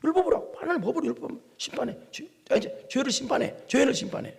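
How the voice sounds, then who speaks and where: A pastor preaching a sermon in a church, reading scripture aloud and often asking the congregation questions. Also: male voice, very high-pitched, quick pace, gravelly, big-room sound. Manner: reads scripture aloud after calling out "start".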